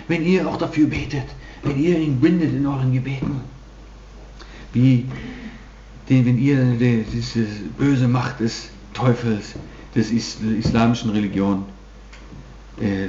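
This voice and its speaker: Male preacher, emphatic sermon delivery, slightly high voice, dull echoey hall sound. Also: darkish tone, a little hiss or hum. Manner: emphatic preaching with frequent restarts. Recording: dull roomy hall recording.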